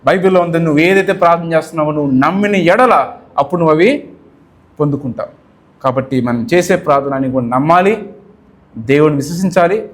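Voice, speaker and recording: A man's voice: a little high, lively intonation, a little fast, long pauses. A man pastor with a Telugu accent, preaching a sermon with passion and acting out people's questions to God.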